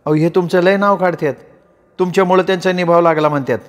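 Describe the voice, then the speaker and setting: A man voicing a warm, hospitable young farmer's wife who talks in rustic village speech. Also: on the low side, steady tone, fast talker, in a large hall, pitched above the performer's own voice, natural voice. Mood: respectful.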